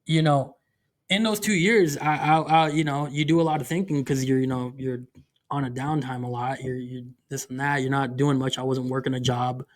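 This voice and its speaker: A man talking as a podcast guest, telling his story in a candid, casual way with many fillers and restarts. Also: medium pitch. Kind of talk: candid conversational interview.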